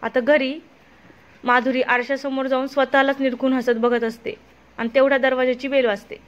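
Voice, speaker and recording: Woman storyteller, high voice, plain steady scripted narration, dull lo-fi audio. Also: normal speed.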